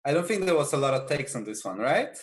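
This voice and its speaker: A man's voice: mid-range voice, big pitch swings, fast. A man in a band chatting casually on a video call, rambling and hesitant, and laughing often. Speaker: band member.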